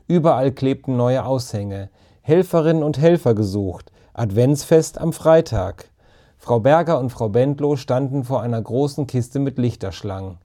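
A man narrating a children's story in a calm, even storytelling manner. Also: medium pitch. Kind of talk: audiobook reading of a children's story.

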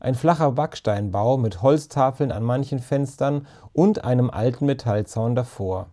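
A man narrating a children's story in a calm, even storytelling manner. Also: mid-range voice, moderate pace. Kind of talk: audiobook reading of a children's story.

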